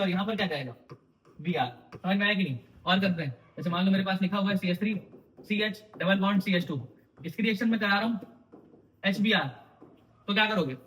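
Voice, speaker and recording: Young male chemistry tutor, high pitched, teasing and quizzing students in an exam-prep lecture. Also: a little fast, fairly bright tone. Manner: quizzing, repeating questions to students; teasing, informal. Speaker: chemistry teacher.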